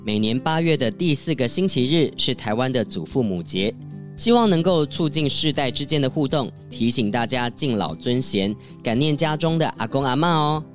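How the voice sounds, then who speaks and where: A man's voice: medium pitch, lively intonation, normal speed, faint music behind. A man hosting a children's story show, cheerful and friendly. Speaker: host.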